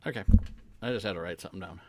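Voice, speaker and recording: A man hosting a casual game live stream from home, rambling softly as he chats with his viewers. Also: low-pitched, rapid-fire, a little hiss or hum. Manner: rambling, soft-spoken, chatting with viewers.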